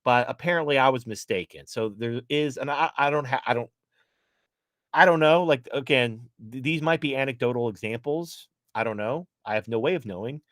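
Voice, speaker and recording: A man's voice: medium pitch, normal speed, a bit bright, dry recording, studio quality. A man as a podcast guest, ranting bluntly in casual political chat, swearing often and restarting his sentences.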